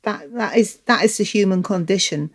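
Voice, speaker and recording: A counsellor speaking calmly and thoughtfully on a podcast, often ending with tag questions. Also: female voice, mid-range voice, normal speed, crowd noise. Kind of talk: reflective podcast discussion.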